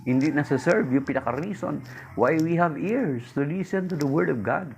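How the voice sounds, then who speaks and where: A man preaching a homily, mixing Tagalog and English, telling a story and raising his pitch to act out its voices. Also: normal speed, creaky, a little hiss or hum. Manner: mixes Tagalog and English, addresses listeners as brothers. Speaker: priest. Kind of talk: homily with a told joke.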